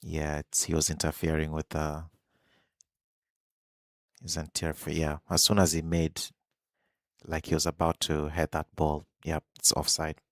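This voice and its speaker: Laid-back man, very deep voice. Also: unhurried, long pauses, no echo, clean studio sound. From Kenya. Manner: relaxed, musing, reacts to the match. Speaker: live stream host. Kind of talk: casual football watch-along commentary.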